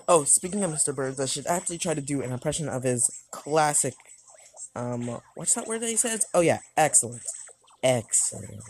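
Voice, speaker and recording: A woman's voice: low voice, slight background noise. A woman giving rambling, hesitant commentary over an arcade game she is reviewing, often restarting and correcting herself. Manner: talks loudly over game music at times. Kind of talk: gameplay commentary.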